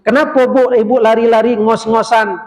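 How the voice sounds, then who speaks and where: A man's voice: extremely high pitch, little pitch movement, normal speed, big-room sound, voice pushed up. A man voicing a blunt, mocking village shopkeeper. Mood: curious.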